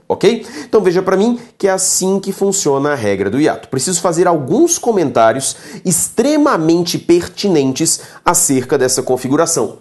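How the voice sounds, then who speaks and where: A male grammar teacher delivers a recorded lecture with a lively, swooping voice that rises sharply on questions. He is emphatic, keeps checking in with the listener, and breaks words into syllables slowly. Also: a little high.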